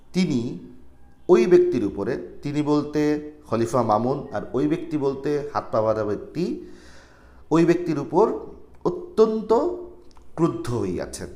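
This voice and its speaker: A male teacher reads old literary phrases aloud and then restates them in plain everyday speech. His pitch moves a lot from line to line. The room around him is echoey. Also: warm tone. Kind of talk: explaining a textbook story line by line.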